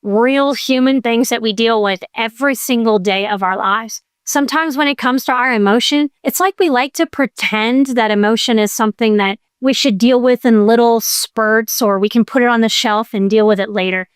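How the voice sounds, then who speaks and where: A woman's voice: fairly high pitch, moderate pace, few pauses, clean tone, no echo, clean studio sound. A woman hosting a podcast as an emotional coach, talking in a playful, earnest and folksy way. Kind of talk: conversational podcast monologue.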